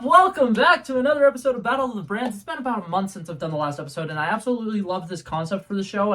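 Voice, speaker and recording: In a home room with a color-changing globe light, a young YouTuber from New England runs a laid-back taste-test video. His voice sits high and a bit bright, and he rambles chattily, full of ums and false starts.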